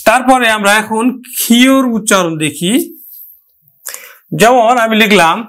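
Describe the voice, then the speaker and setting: A man's voice: high-pitched, a little slow, a bit bright. A man teaching a pronunciation lesson, who explains step by step and repeats each example word several times.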